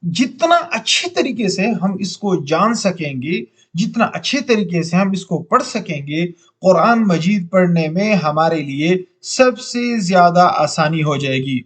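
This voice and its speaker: A man with a Pakistani Urdu accent teaching Quran reading, drawing out each letter sound slowly and repeating it for learners. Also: sits high, lively intonation. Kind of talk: slow letter-by-letter recitation lesson.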